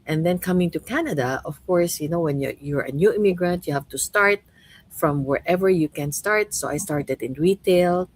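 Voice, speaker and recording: A woman's voice: on the low side, normal speed, rough recording. A middle-aged woman from the Philippines hosting a podcast chat as a coach, chatty and full of "you know" and "right?" tags. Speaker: host and coach.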